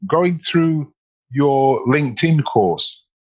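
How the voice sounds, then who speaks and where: Man, podcast co-host, husky voice, emphatic and animated, slightly muffled recording. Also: a little high, takes it slowly. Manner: animated, emphatic, full of rhetorical questions. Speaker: podcast co-host, speaking coach. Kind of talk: casual podcast chat.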